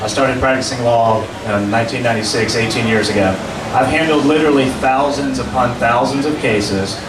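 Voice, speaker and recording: Man, forties, candidate forum speech, earnest, echoey room, noisy background. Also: medium pitch. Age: 40s. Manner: measured, earnest, with frequent fillers when answering. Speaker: judicial candidate. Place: meeting room at a public forum. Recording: roomy, distant, noisy room recording.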